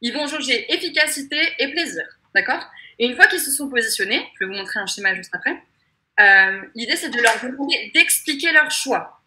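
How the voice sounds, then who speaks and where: A woman, a trainer explaining workshop tools in a lively, chatty way with joking asides. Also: on the high side, brisk, a little hiss or hum. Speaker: trainer teaching other trainers. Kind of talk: online masterclass explanation.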